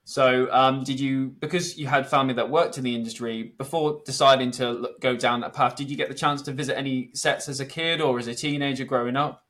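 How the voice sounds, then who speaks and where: A man's voice: mid-range voice, fairly even intonation, fairly quick, hardly any pauses, fairly bright tone. A man hosting a podcast, reading prepared introductions and putting interview questions to a guest. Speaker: podcast host.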